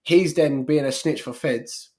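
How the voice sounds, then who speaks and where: A man's voice: fairly high pitch, unhurried, dark tone. A man co-hosting a podcast in casual chat, blunt and slangy. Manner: blunt, slangy, drops into mock voices. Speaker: podcast co-host.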